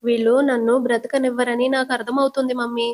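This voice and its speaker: A woman's voice: on the high side, flat delivery, brisk, darkish tone, natural voice. A woman voicing a frightened young woman, tearful and pleading with her mother. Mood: scared, tearful.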